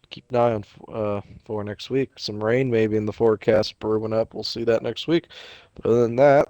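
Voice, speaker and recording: A man's voice: medium pitch, darkish tone, no echo. A man hosting an esports racing stream, upbeat and loose, joking and swearing casually. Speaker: esports racing commentator, host. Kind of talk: casual broadcast commentary.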